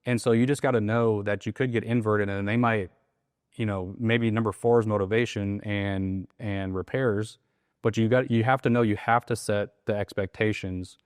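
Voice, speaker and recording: Relaxed man coaching sales calls. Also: lowish voice, moderate pace, smooth, no room sound, studio quality. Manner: relaxed, acts out sales calls with quoted lines. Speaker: real estate wholesaling coach. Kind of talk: casual teaching conversation.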